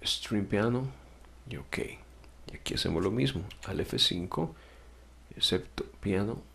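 Gravelly low-voiced man teaching software. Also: animated, unhurried. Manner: patient step-by-step explaining, frequent self-corrections and "ok?" check-ins. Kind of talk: screen-recorded software tutorial.

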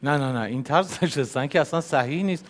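A man in a comedy sketch who keeps doubting and objecting to the advice he is given. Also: mid-range voice. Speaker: sketch partner. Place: studio stage.

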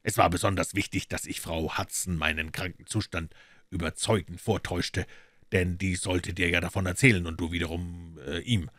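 Man reading as a calm clever detective, deep voice, dry sound, measured, audiobook. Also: dry recording. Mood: explaining.

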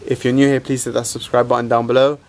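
A man's voice: mid-range voice, flat delivery, fast. A man in his twenties chatting casually to camera as a playful vlogger, often repeating words for emphasis, recorded at arm's length. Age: 20s. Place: car interior, outdoors and small rooms. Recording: clear background noise, car and handheld camera.

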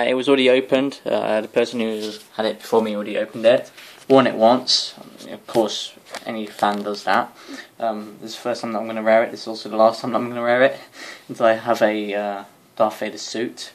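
A young adult man with a gravelly, mid-range voice vlogs a casual, meandering toy demonstration, sounding worn out. It was captured on a mobile at arm's length in a small bedroom, with faint noise and clicks.

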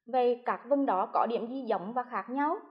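A female primary school teacher giving a televised lesson to first graders, speaking slowly and spelling things out with careful, clear articulation. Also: a little high, highs cut off. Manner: slow, clearly articulated classroom delivery.

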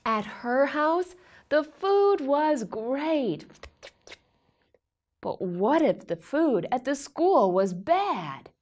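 A woman's voice: high voice, big pitch swings, drawn-out words, a little mellow. A young woman reading a picture book aloud as if to a toddler, with simple questions and exaggerated expression. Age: young adult. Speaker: storyteller for children. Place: indoor studio with plain backdrop.

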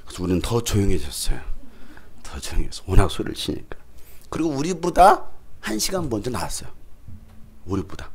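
A middle-aged male pastor preaching a sermon in a church, telling a story with lively shouts, laughter and acted-out voices. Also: on the low side, a little fast, pauses often, husky. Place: church sanctuary.

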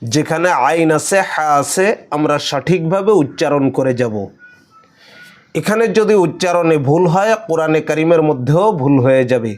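A man's voice: on the high side, expressive, normal speed, a little mellow. A man from Bangladesh with a Bengali accent, teaching Quran reading in a lesson, spelling out each letter and vowel mark and then blending the syllables. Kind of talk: slow spelling-out recitation lesson.

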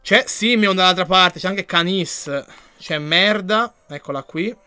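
Bright, excitable man streaming a game. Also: high voice, unhurried, clean tone, dry recording, soft background music. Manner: excitable, yells and swears at the game, reads chat aloud. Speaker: gaming streamer. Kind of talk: live gameplay commentary.

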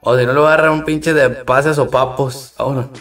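Mexican male streamer, casual slangy chat, gravelly, recorded a bit off-mic. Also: mid-range voice, fairly even intonation, brisk, a bit bright, recorded from a distance, faint music behind. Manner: slangy, greets and thanks chat viewers between rounds. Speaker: live-stream gamer. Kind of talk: casual live-stream game commentary.

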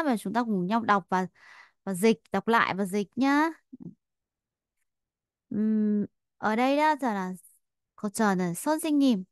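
A woman's voice: mid-range voice, clear, resonant tone, no room sound, studio quality. A woman teaching Korean, explaining a listening exercise in a chatty way with many fillers and repeated phrases. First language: Vietnamese.

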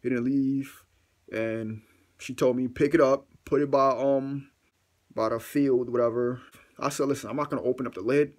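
A young man recounting a mishap at home in a loose, slang-heavy way. He swears freely and makes fun of himself. He acts out his reactions and now and then jumps up into a high squeal. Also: normal speed. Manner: animated, acts out his own reactions with sudden loud squeals; slangy, profane, self-mocking. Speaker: vlogger telling a story. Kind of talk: casual storytime monologue.

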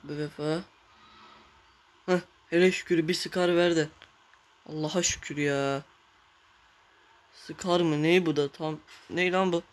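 Excitable man narrating his own gameplay. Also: a little high, a little slow, pauses often. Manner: excitable, cursing, talking to viewers while playing. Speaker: gamer. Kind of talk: casual gameplay commentary.

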